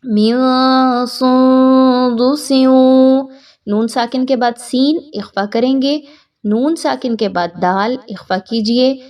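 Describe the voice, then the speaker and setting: A woman teaching Quran recitation, giving brisk explanations and then reciting verses slowly with long drawn-out notes. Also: a little high, a little mellow, recorded from a distance. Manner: alternates brisk Urdu explanation with slow drawn-out Arabic recitation. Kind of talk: tajweed lesson, explaining and reciting.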